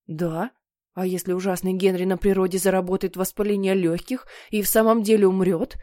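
A woman's voice: mid-range voice, little pitch movement, brisk, mellow, no room sound, clean studio sound, natural voice. A woman voicing a stubborn young boy who whines and protests. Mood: whiny. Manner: whining, defiant. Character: whiny stubborn boy who hates outdoors.

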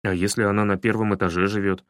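A man's voice: fairly low pitch, flat delivery, quick pace, fairly bright tone, no echo, clean studio sound, voice pushed down, lightly acted. A man doing a timid, grumbling schoolboy. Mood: reluctant. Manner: hesitant, grumbling. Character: timid schoolboy, anxious and reluctant.

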